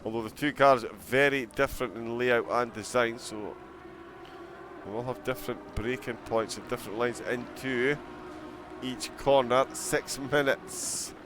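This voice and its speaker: A man's voice: medium pitch, fairly even intonation, a little slow, noisy background. Chatty male sim-racing commentator. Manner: chatty, giggly, reads and reacts to chat. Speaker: esports race commentator.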